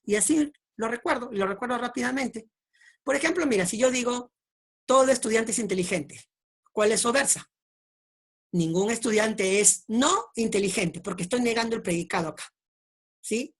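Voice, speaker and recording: A woman's voice: on the high side, moderate pace. A woman teacher explaining logic exercises step by step, often checking in with her students through short questions. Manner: patient, checks understanding with repeated tag questions.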